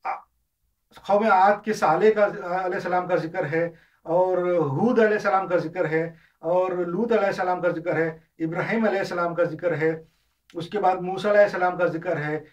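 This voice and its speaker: A man's voice: high-pitched, steady tone, moderate pace. A man gives an informal religious lesson, explaining with examples and often hesitating or restarting. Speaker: religious lecturer. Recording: distant, dull lo-fi.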